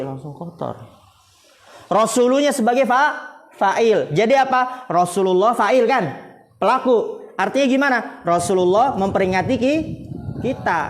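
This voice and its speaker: A man with an Indonesian accent teaching an Arabic grammar class, quizzing his students and laughing often. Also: high-pitched. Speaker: Islamic boarding school teacher.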